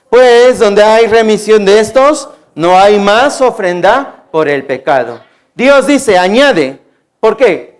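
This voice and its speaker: A man preaching a sermon to children, asking them questions and answering them himself, and dropping low and quiet on the key answers.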